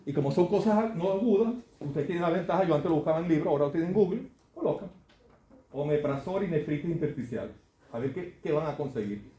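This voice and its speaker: A man lectures medical students on clinical cases in a lecture hall, keeping it conversational and often posing questions to the class. His voice is fairly high, expressive, warm, and fairly quick. The classroom sounds echoey, with faint room noise.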